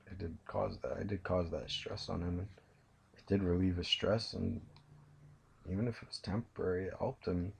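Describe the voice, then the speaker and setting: A tired young man recounting his life story from bed, speaking haltingly with many pauses and restarts. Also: low voice, creaky, a little mellow, a little hiss or hum. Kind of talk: personal storytelling. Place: in bed at home.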